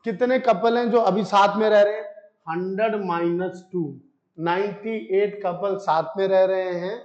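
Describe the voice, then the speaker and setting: An Indian man teaches chemistry in a high, bright voice at an unhurried pace. He throws questions to the class, answers them himself and drags out key terms word by word. The sound is roomy and a little dull. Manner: mixes Hindi with English terms; repeats key terms slowly. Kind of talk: classroom lecture. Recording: echoey room, slightly dull sound.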